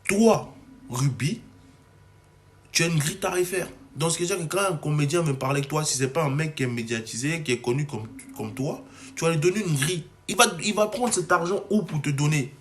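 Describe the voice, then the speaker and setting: A man's voice: a little high, quick pace, slight background noise. A young adult man from Cameroon delivering an agitated, ranting monologue to camera, full of restarts. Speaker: comedy video maker.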